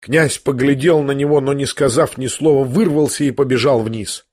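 A man narrating a classic novel in an expressive, dramatic reading. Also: mid-range voice, normal speed. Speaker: audiobook narrator. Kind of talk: scripted literary narration.

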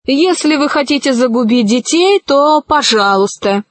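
Woman reading as a commanding bird-creature heroine, curt, slow, dry close sound. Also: fairly high pitch, animated, dry recording. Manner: sharp and curt. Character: brisk, commanding female bird-creature scientist.

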